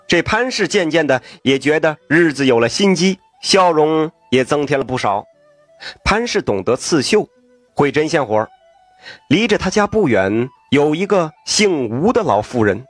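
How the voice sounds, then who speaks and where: A man telling a story in a traditional storytelling style, lively with folksy asides and exclamations. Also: fairly high pitch, moderate pace, no room sound, soft background music.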